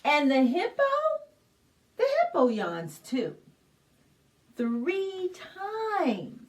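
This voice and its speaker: Reading a picture book to young children at library storytime, this woman speaks extremely slowly in a voice that sits high. She's expressive and sing-song, poses questions to her listeners, and is recorded at a distance from the mic.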